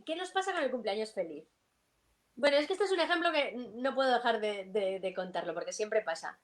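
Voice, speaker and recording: A woman vocal coach, explaining breathing and voice in a live video interview, animated and illustrating with sung snippets. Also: a little high, brisk.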